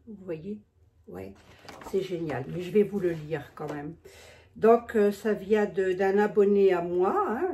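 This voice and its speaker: In a warm, medium-pitched voice, a woman unboxes items for her subscribers, joking at her own expense and repeating phrases often. Her speech has a lisp, slightly impeded articulation, and a slushy sh sound in place of s.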